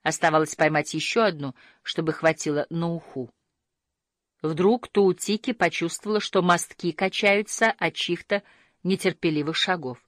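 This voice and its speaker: A woman narrating a storybook in a gentle, measured reading that slows at quiet moments. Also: fairly low pitch, dry recording, clean studio sound.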